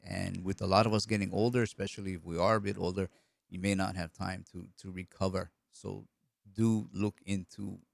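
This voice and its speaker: A middle-aged man from Hawaii, hoarse with a cold, hosts a live stream in a low, gravelly voice, chatting loosely, answering viewer comments, and repeating his words. The recording is dry.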